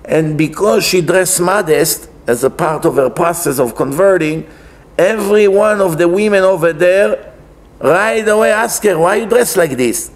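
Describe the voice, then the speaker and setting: A high-pitched male rabbi with an Israeli accent lectures a little slowly, seated at a lectern in a wood-panelled synagogue. His conversational, preaching-style religious talk is explanatory and emphatic, with rhetorical questions and repeated phrases.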